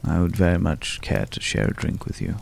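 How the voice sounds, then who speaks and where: Playing a world-weary old companion in courtly ASMR roleplay, a man uses a gravelly low voice, archaic formal language and long pauses, but with a sing-song, slightly mellow, exaggerated lilt. The mood is courtly and tender, and there's slight background noise.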